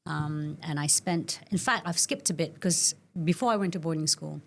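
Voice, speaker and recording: A woman's voice: low-pitched, moderate pace, vocal fry, slight background noise. A middle-aged woman from Malaysia, a nervous system coach, telling her life story reflectively as a guest in a casual interview.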